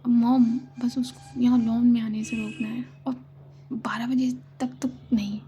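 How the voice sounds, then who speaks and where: An eager, bubbly young woman hurries everyone along in a whispered storybook role-play, played by a woman. Her voice is high and mellow. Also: natural voice. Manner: hurried, excited.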